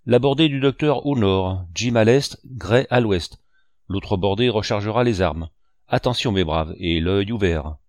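A stern, curt ship's captain, played by a male narrator, issuing commands in clipped phrases. The voice sits higher than the reader's own and moves lively. The recording is dry. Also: moderate pace, dry recording. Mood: commanding.

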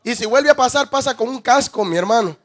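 High-voiced male preacher, works the congregation with questions and acted-out stories. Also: animated, brisk, a bit bright. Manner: rhetorical questions, calls listeners "hermano", acts out scenes. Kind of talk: sermon.

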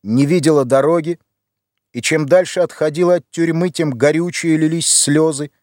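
A male reader with a slightly raised voice narrating a literary story. His delivery is measured and somber. The sound is dry, with no room around it. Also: on the high side, steady tone, darkish tone, no room sound. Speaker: audiobook reader.

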